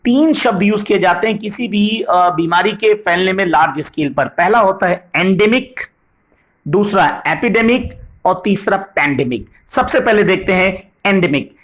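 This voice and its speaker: A man teaching English vocabulary in a video lesson, explaining patiently, reading English examples slowly and often asking "right?". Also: high-pitched, lively intonation, fairly bright tone. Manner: addresses viewers as "sahab", frequent "right?".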